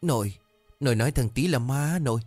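A man's voice: medium pitch, expressive, fairly quick, a little mellow, dry recording, faint music behind, voice pushed up, lightly acted. A man voicing a timid, curious young village boy who asks frightened, pleading questions. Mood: anxious.

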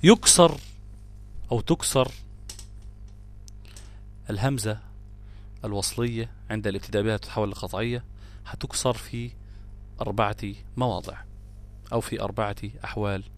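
With a lowish voice, a moderate pace and long pauses, a man with an Egyptian Arabic accent gives a tajweed lesson explaining grammar rules as a Quran recitation teacher. He leans on example words, answers the questions he raises, and slips from classical Arabic into colloquial asides.

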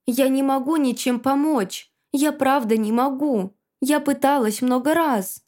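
A woman's voice: high voice, normal speed, a little mellow, natural voice. A woman voicing a desperate pleading female ghost. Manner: pleading, strained.

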